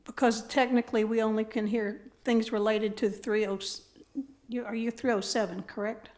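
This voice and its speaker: A woman's voice: fairly high pitch, steady tone, normal speed, darkish tone. Direct woman chairing a board. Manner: direct, questioning. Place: council chambers.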